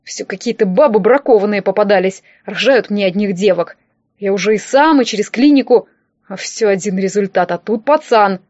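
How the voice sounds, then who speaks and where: A woman reading an audiobook and voicing a blunt, bossy older rich man who gives gruff, mocking orders. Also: mid-range voice, moderate pace, darkish tone, no echo, muffled recording, lightly acted.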